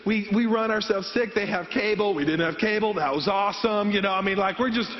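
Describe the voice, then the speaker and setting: High-voiced pastor in an echoey hall. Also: male voice, brisk, lo-fi sound, soft background music. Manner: storytelling, acts out voices of himself and his mom. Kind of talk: sermon. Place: church sanctuary.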